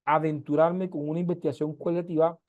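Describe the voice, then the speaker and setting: A middle-aged Colombian man lecturing on a video call, his Caribbean-coast accent softened. His voice sits a little high for a man and sounds dry and close. He explains patiently and slows down to stress key terms. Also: flat delivery, no room sound, dull audio. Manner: explanatory, asks "¿sí?" often, with slow emphatic stretches. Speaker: university lecturer. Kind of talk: online class lecture.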